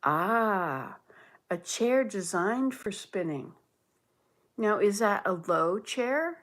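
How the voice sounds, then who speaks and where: A woman's voice: medium pitch, animated, extremely slow, fairly bright tone. A woman in her late sixties from Canada, chatting casually on a livestream, musing aloud and answering viewer comments as she reads them. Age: 60s. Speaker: livestream host.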